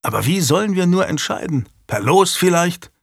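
A man voicing a proud, defiant male lord who speaks in a sardonic, measured way, in a dry studio recording. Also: high-pitched, expressive, vocal fry, slightly rough, no echo, voice pushed up, full character voice.

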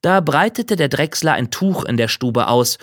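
A man reading a fairy tale aloud as a storyteller, with lively, varied narration. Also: on the high side, moderate pace, no room sound, studio quality.

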